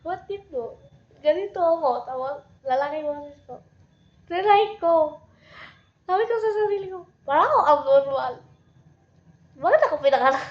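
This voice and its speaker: A woman's voice: high voice, lively intonation, normal speed, pauses often, muffled recording. A woman chatting casually to camera, rambling and giggling, mixing in English phrases. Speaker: vlogger.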